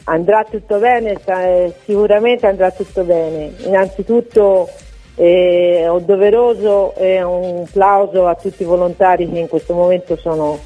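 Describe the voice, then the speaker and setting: A woman calling in to a radio interview on a poor-quality phone line while on duty, talking haltingly with many fillers and restarts. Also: fairly low pitch, fairly even intonation, faint music behind. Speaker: volunteer association head, phone-in guest.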